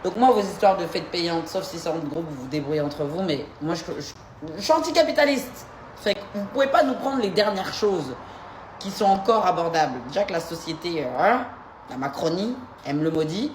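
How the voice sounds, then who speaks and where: Woman vlogger, low voice, heated activist commentary straight to camera. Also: expressive, fairly quick, slight background noise. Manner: impassioned, militant ranting to viewers. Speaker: content creator. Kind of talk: commentary vlog.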